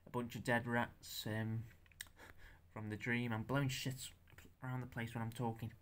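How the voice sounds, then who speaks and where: Halting young man with a bright voice. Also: mid-range voice, flat delivery. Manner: halting, stammering, swears, self-conscious. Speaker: stop-motion creator showing his figures. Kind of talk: casual show-and-tell.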